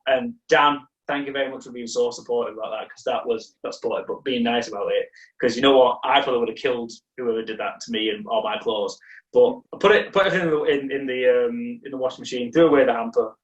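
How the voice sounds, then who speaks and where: A man's voice: mid-range voice, fast talker, far from the mic, muffled recording. Young male podcast co-host, rambling and self-mocking, voice well off the mic in an echoey room. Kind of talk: casual chat, storytelling.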